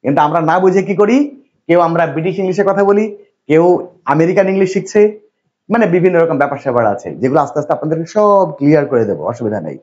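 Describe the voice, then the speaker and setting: Teaching English in a classroom lecture, a Bangladeshi man keeps questioning and reassuring his students. He talks rapid-fire and animatedly with a fairly high pitch and a darkish tone, and the audio is dull.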